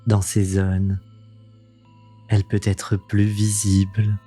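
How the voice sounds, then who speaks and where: A man leading a guided meditation in a soothing, gentle, intimate voice that sounds close to the ear, unhurried and calming, as the host of the practice. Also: fairly low pitch, husky, faint music behind. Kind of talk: slow guided meditation narration.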